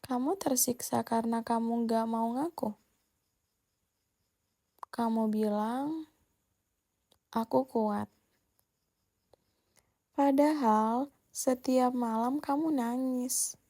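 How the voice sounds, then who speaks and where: A woman delivers a scripted relationship advice monologue, talking bluntly and directly to the listener. Her voice is somewhat high yet mellow, and she takes her time over every line. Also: fairly even intonation, takes it slowly, long pauses. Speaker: host.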